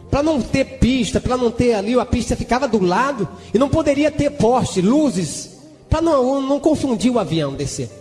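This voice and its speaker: Very high-voiced male preacher, fervent. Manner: fervent storytelling with sudden shouted exclamations; breaks into tongues between sentences. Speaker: preacher giving a testimony. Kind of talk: sermon testimony. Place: church hall. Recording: echoey church hall with music behind.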